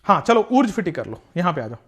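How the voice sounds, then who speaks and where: A man's voice: high voice, quick pace, breathy edge. A man teaching chemistry in a live online class. He jokes with the students and calls them "beta". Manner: animated, joking, talks to students as "beta".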